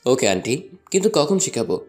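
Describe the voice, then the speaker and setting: A man's voice: medium pitch, very animated, brisk, darkish tone, faint music behind, close to an everyday voice. A young man narrating a first-person love story and voicing a playful, teasing student in an audio drama. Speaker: narrator and lead voice actor.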